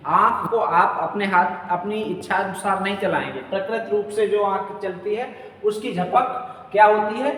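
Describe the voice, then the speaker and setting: In an echoey room with a faint hum and a distant mic, a man gives a classroom lecture, repeating his points and asking questions he then answers himself. His voice sits high with a fairly bright tone.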